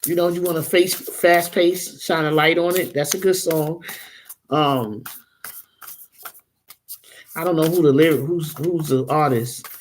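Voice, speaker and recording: A woman's voice: deep voice, fairly even intonation, measured pace, long pauses, a little hiss or hum. Woman, 40s, tarot reader, casual rambling livestream host, addresses viewers directly.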